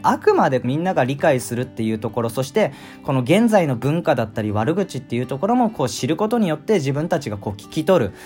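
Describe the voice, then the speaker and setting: A man teaches a video language lesson, talking quickly and emphatically. His pitch swings widely as he stresses his points. Quiet music plays underneath. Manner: animated, emphatic lecturing.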